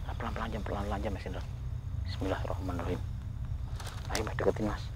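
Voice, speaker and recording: A man hosting a ghost-hunting video, talking in a hushed voice outdoors at night, often murmuring prayers and speaking to his companion. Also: low voice, level tone, racing, very noisy. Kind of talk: hushed on-the-spot narration. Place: outdoors at night near a ravine.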